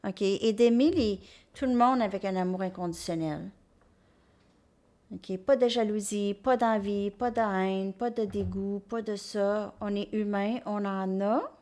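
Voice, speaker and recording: A woman's voice: mid-range voice, a little mellow. A woman with a Québécois accent giving a casual, rambling spiritual talk to her viewers as a tarot reader, often checking in with "ok?" and restarting her sentences. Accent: Québécois French. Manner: rambling, repeats "ok?" and "hein", many restarts.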